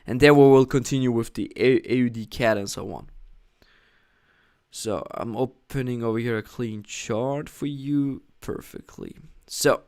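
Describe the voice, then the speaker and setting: This German forex trading analyst explains charts on his live stream and reads chat messages. He has a smooth, mid-range voice, a little slow and a little mellow. He explains things with non-native phrasing and keeps saying "okay?"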